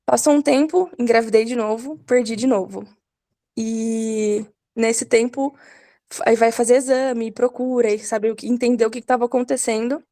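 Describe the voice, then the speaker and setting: A woman's voice: fairly high pitch, fairly even intonation, normal speed, mellow. Earnest Brazilian woman in her thirties. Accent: Brazilian Portuguese. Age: 30s. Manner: earnest, hesitant. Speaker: participant. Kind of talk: personal testimony.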